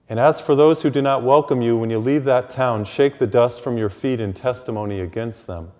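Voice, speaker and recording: A man's voice: medium pitch, a little mellow. A man, a priest, preaching a sermon in a church in a conversational way with homely asides, his voice trailing in a long church reverb. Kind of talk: sermon with gospel reading. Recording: echoey church hall reverb.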